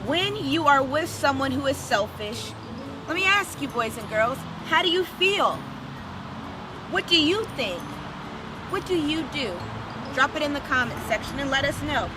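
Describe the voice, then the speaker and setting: During a children's read-aloud, an expressive, high-voiced woman speaks a little slowly and puts direct questions to young viewers. The background is noisy, with music running beneath her voice.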